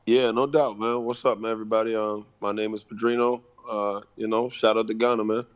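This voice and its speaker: A man from the Bahamas in his thirties answers interview questions in a measured way, pausing on frequent ums. His voice sits fairly low and runs flat, with little rise and fall. The tone is smooth and clean. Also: highs cut off. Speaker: guest reggae artist and producer. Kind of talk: casual radio interview.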